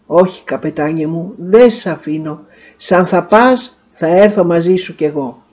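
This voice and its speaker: A woman voicing a devoted, bold young woman in a storybook reading, pleading in a raised, higher voice. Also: darkish tone, husky, dull audio.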